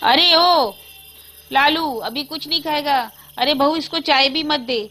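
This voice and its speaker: A woman voicing a frightened old mother who scolds in a shrill, alarmed way, reading a Hindi storybook tale. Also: a little slow, bright, forceful tone. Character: frantic fearful old mother.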